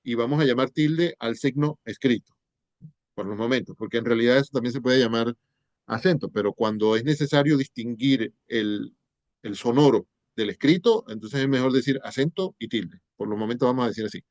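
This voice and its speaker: A man's voice: medium pitch, brisk, a little mellow, no echo. A middle-aged man giving a university lecture on spelling, explaining step by step and checking in with rhetorical questions. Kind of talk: class lecture on spelling rules.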